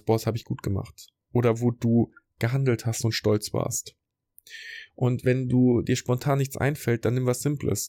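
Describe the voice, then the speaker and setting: A man hosting a podcast, giving a motivational talk straight to the listener and slowing down for guided reflection exercises. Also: medium pitch, mellow, dry recording, studio quality. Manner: direct, coaching, addresses listener as du. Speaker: podcast host and speaker. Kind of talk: motivational talk, rehearsing a keynote.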